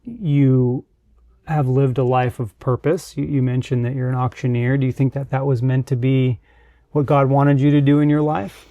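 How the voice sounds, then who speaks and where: A man's voice: medium pitch, steady tone, normal speed, mellow, dry recording, dull audio. A man asking questions in an informal, conversational way as a casual interviewer.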